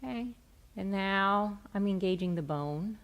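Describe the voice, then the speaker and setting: A middle-aged woman gently and softly explaining a hands-on therapy demonstration step by step on stage. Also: mid-range voice, unhurried, muffled recording. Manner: gentle, soft-spoken. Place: on a stage in a theatre, indoors.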